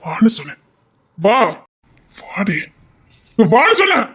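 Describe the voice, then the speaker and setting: An actor with a Tirunelveli Tamil accent playing a desperate young man who pleads with his lover, swinging from hushed pleas to shouting. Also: very high-pitched, expressive, fast, exaggerated voice. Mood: pleading. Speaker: actor in a romance drama. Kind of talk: emotional drama acting.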